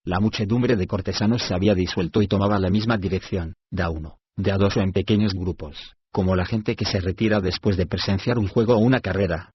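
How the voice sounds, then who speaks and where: Male narrator, deep and husky, steady storybook reading, dull lo-fi dry recording. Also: a little fast, hardly any pauses, no room sound. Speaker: audiobook narrator.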